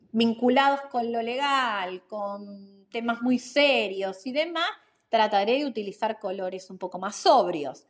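On her instructional podcast, a woman explains communication skills, her voice a little high. She is clear, measured and teacherly, and asks rhetorical questions along the way.

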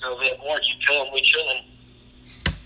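A man's voice: medium pitch, level tone, a little slow. A man with an Alabama Southern accent chatting casually and jokingly as a guest on a phone call. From Alabama, United States. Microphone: telephone. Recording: noisy, tinny phone call.

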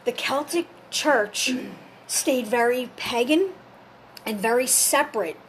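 Higher-voiced woman explaining like a storyteller. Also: animated, takes it slowly, slight background noise. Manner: conversational storytelling, explaining step by step. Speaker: storyteller and folklore teacher. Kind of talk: informal explanatory talk on folklore and church history.

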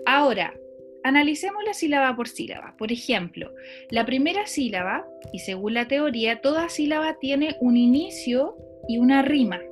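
A woman teaching a lesson, explaining step by step and quizzing a student with questions. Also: high voice. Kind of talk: lecture on phonology.

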